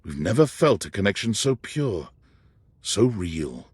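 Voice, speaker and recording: A man giving scripted narration in a video game, soft and storytelling. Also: lowish voice, very animated, unhurried, slightly rough, no room sound, heavily acted.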